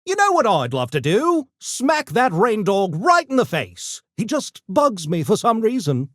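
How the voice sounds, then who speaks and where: Brain Gremlin, pompous high-voiced cartoon creature. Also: male voice, wildly swooping pitch, measured pace, a bit bright, dry recording, studio quality, full character voice. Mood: mocking, menacing. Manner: pompous, wordy, mock-genteel diction. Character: small, erudite, smug male gremlin genius with mischievous menace. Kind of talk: video game character voice lines.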